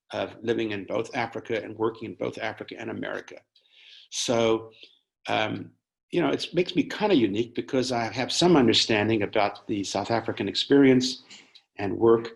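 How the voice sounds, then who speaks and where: A man's voice: fairly low pitch, gravelly. A man from Zimbabwe presenting a webinar, answering audience questions over a video call with frequent hesitations and restarts. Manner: hesitant, many restarts and fillers.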